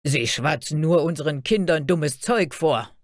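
A woman doing gruff, mocking old gate guards. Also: medium pitch, takes it slowly, no room sound, clean studio sound, pitched above the performer's own voice, natural voice. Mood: scornful shouting. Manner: loud, harsh and mocking.

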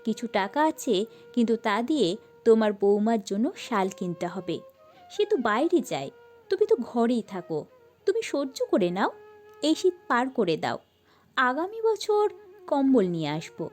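A woman's voice: on the high side, very animated, unhurried, a little mellow, soft background music. A woman voicing an angry grown son who curtly scolds his elderly mother. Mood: irritated, scolding. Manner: curt, scolding.

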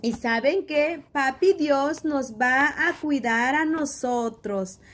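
Slow, animated woman teacher telling kids a story. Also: sits high. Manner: slow, animated, asks children questions. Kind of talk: children's Bible story and prayer.

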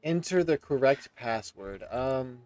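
A gameplay streamer in his thirties gives casual, rambling commentary as he plays, reacting and reading text aloud over game music. His medium-pitched voice has lively intonation, is unhurried and a little mellow, with no echo.

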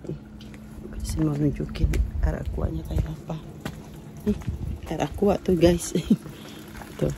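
A woman's voice: low-pitched, steady tone, slow pace, gravelly, pauses often, noisy background. A woman in her thirties hiking and talking to her phone camera, chatting casually and switching between two languages, a bit out of breath from the climb. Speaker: travel vlogger. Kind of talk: casual vlog chat. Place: outdoors on a mountain trail. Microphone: phone camera at arm's length. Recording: phone video outdoors with music underneath. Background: background music.

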